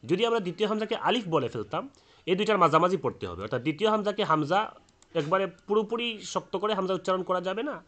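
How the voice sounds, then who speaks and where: A man teaching Quran recitation rules in a spoken lesson. He explains slowly, with frequent hesitant fillers, and chants the example words aloud. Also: sits high, lively intonation, fairly bright tone.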